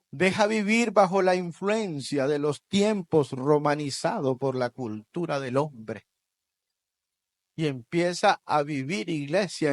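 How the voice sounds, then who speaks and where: A man preaching a sermon, swinging from loud bursts to hushed asides and leading the congregation in repeating phrases. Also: fairly high pitch, no room sound. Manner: leads the congregation in call-and-repeat. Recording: dry radio broadcast.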